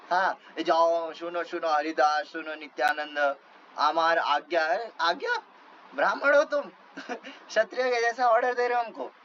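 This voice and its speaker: A man's voice: on the high side, a little slow, a bit bright, lo-fi sound. Man voicing a cheeky young saint in a retold legend, teasing complaint, faint hum. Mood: indignant. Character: young playful holy man, cheeky and indignant.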